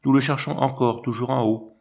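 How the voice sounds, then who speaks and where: Un homme jouant un petit garçon inquiétant qui chuchote. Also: male voice, mid-range voice, level tone, a little fast, vocal fry, a little mellow, close to an everyday voice. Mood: whispering. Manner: whispered, conspiratorial. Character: eerie whispering little boy, secretive.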